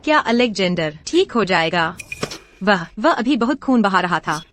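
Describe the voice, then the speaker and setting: An actress playing a gentle young heroine who speaks anxiously and tenderly, in a drama dub. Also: female voice, mid-range voice, big pitch swings, normal speed, slight background noise.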